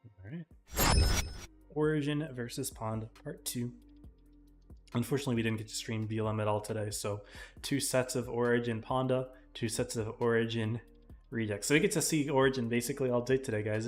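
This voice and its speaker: A man casting a live esports match in a casual, chatty way, his voice tiring and often clearing his throat. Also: mid-range voice, fairly even intonation, normal speed, soft background music. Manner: casual, chatty, talks to chat viewers. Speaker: esports caster.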